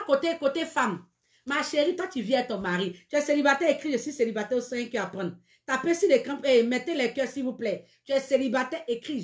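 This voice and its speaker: A woman's voice: fairly high pitch, reverberant. A woman hosting a live-stream dating advice show, speaking frankly and teasingly, and repeating her catchphrases.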